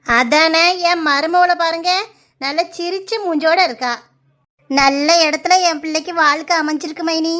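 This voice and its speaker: Woman as brisk, high-voiced village mother-in-law in a cartoon, southern Tamil dialect. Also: fairly even intonation, a bit bright. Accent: southern Tamil Nadu (Tirunelveli) dialect. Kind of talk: cartoon voice acting.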